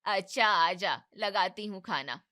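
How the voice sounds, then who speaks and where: A woman's voice: mid-range voice, slow, pushed and bright. A woman voicing a bossy but caring older mother-in-law in a cartoon family drama, scolding and commanding.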